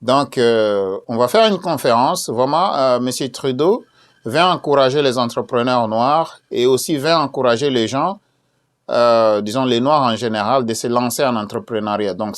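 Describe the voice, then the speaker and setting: A man from Congo gives a relaxed promotional talk for an upcoming business conference. He pauses often with fillers and repeats each question several times. His pitch sits in an ordinary middle range. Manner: many fillers and repeated phrases; hesitant, repeats key questions. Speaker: event promoter. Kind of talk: casual promotional talk with screen share.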